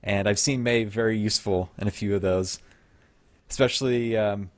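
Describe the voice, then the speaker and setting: A man co-hosting a gaming podcast, chatting in a relaxed way and often trailing off and restarting. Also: fairly low pitch, moderate pace. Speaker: podcast co-host. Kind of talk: casual gaming podcast chat.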